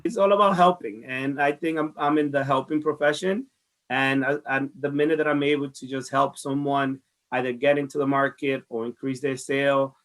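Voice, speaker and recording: A man from the Dominican Republic, interviewed as a farmers market director, speaks at a normal pace in a medium-pitched, fairly bright voice with fairly even intonation. He has a Dominican Spanish accent. His conversational answers are earnest, often repeating phrases.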